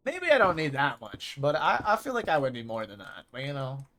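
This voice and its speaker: Streamer chatting through a live game, lively up-and-down voice, just thinking out loud. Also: mid-range voice, a little fast, a little hiss or hum. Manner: rambling, thinks aloud while playing. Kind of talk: casual live gameplay chat.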